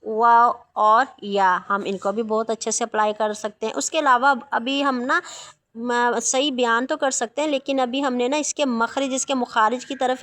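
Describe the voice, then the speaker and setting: A woman with a slightly high voice teaches Quran reading. She chants letter sounds at a slow drilling pace, then explains patiently and reassures her students again and again. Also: no echo. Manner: patient, reassuring, repeats "theek hai".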